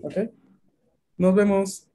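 A man's voice: sits high, steady tone, very slow, warm tone, a little hiss or hum. A Latin American man teaching a beginner language class over a video call, explaining at length and often checking that students follow.

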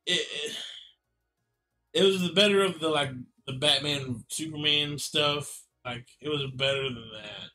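A man co-hosting a casual gaming podcast, chatting with friends in an animated, joking way and often restarting his sentences. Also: fairly high pitch, a little slow, faint music behind. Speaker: podcast co-host. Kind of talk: casual chat.

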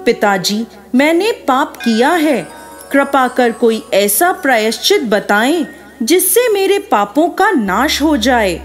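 A woman's voice: high-pitched, sing-song, slow, soft background music, full character voice. A woman voicing a stern, devout male sage who speaks in solemn pronouncements in a devotional story.

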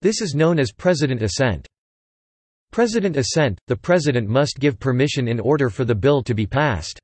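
Here a computer-generated male reader narrates an encyclopedia article at normal speed with an even, steady rhythm. His pitch is middling and the audio is bone-dry, with no room sound at all.

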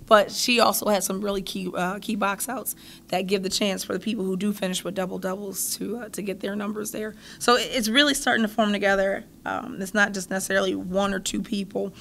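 A thirtysomething woman who coaches basketball fields post-game questions in a thoughtful way from a press room with a logo backdrop, speaking into a table mic in front of her. Her creaky, fairly bright medium-pitched voice has little pitch movement and a fairly quick pace, and she often repeats words as she starts a phrase. Slight background noise is present.

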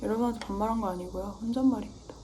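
A young woman chats through her daily makeup routine in a soft, mellow voice, talking to herself as much as to the viewers. When she concentrates she drops to a near-whisper. A faint hum of room noise sits behind her. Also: mid-range voice, fairly even intonation, very fast. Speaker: beauty vlogger. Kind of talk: chatty get-ready-with-me makeup vlog.

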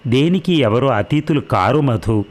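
A man voicing a calm older husband and father in a read-aloud novel, speaking in a patient, persuasive way. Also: medium pitch, unhurried, natural voice. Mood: reasoning.

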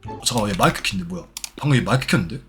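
Young male streamer, sarcastic scold, lively pitch. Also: racing, noisy background. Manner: scolding, sarcastic, swears when provoked. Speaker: Roblox streamer. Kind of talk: live gameplay commentary.

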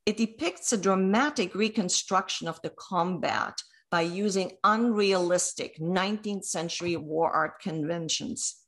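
Middle-aged woman lecturer, slow deliberate delivery, lowish voice, webcam call. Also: fairly bright tone. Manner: measured, reads from prepared text with occasional fillers. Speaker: keynote speaker. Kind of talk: academic lecture over slides. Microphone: webcam on video call.

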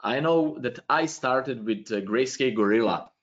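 A man's voice: medium pitch, normal speed. A man in his thirties with a Serbian accent, thinking aloud in loose non-native phrasing as he answers questions in a live webcam tutorial from a small home room. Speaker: webinar presenter answering questions. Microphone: webcam video call. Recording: dull lo-fi stream audio.

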